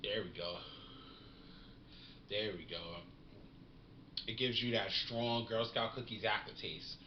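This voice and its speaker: A man's voice: lowish voice, measured pace. Laid-back man reviewing cannabis, roomy sound. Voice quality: slangy, relaxed, savoring. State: smoking while talking. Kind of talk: casual strain review vlog. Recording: roomy, dull lo-fi sound with faint noise.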